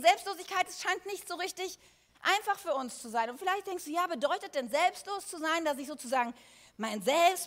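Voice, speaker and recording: A woman preacher giving a sermon, talking to her listeners directly and conversationally, moving between emphatic and quiet passages. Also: high voice. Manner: conversational, addressing listeners directly with everyday examples.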